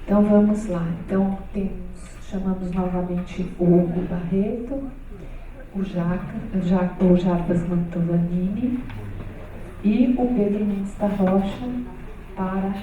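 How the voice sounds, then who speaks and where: On a stage in a large hall, a woman moderates a seminar panel in a casual, hesitant way, full of fillers and restarts. Her mid-range voice is fairly even and a little slow, captured far from the mic with echo, phone-quality sound and slight background noise.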